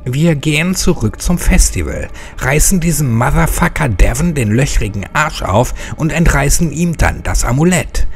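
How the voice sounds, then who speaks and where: A man's voice: fairly high pitch, sing-song, normal speed, a little mellow, pitched above the performer's own voice. A man voicing a tough young woman who speaks firmly and with a combative edge. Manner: firm, combative. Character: tough, brash young woman, calm leader.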